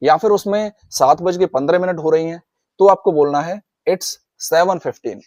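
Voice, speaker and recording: Male teacher, slightly high voice, drills phrases slowly, dry close recording. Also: a little mellow, no echo. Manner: repeats phrases slowly for practice, addresses viewers as guys. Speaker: English teacher. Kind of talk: spoken lesson.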